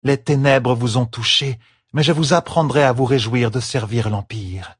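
A man's voice: mid-range voice, moderate pace, husky, dry recording, clean studio sound, voice pushed up, lightly acted. A man voicing a haughty young noblewoman. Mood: commanding. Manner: haughty, clipped orders. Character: imperious young noblewoman heir, commanding. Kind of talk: audiobook character voice.

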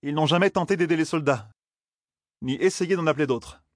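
A man's voice: a little high, a little fast, no room sound, studio quality, voice pushed up, close to an everyday voice. A man reading an audiobook, voicing an agitated, scornful young male villager.

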